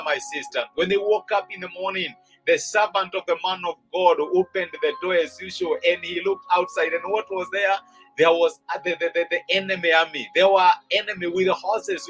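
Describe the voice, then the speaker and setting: A man with a notably high voice delivers a sermon. He exhorts his listeners earnestly and builds his points by repeating phrases. Soft music plays faintly behind him. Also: steady tone, moderate pace, low-quality recording. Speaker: preacher.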